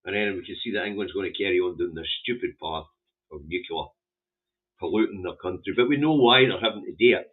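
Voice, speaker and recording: A man's voice: low-pitched, quick pace. Blunt Scottish man on a phone-like recording. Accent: broad Scottish. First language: Scots. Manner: blunt, sweary, rambling. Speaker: vlogger reviewing the day's newspaper front pages. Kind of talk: casual opinionated commentary. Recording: muffled phone-like narrow-band audio.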